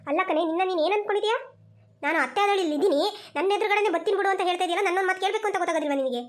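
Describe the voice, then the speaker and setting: A woman's voice: extremely high pitch, rapid-fire. A woman voicing a stubborn, quarrelsome elderly mother-in-law in a village cartoon, who talks insistently and repeats herself. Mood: bossy. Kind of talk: cartoon voice acting.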